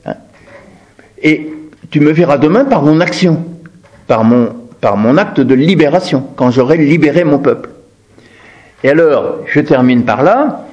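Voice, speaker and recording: A man giving an informal bible lesson to a group, explaining patiently and haltingly with many fillers. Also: a little high, lively intonation, darkish tone, muffled recording. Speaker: religious teacher. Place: indoor room with listeners. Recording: very echoey room, mic far off.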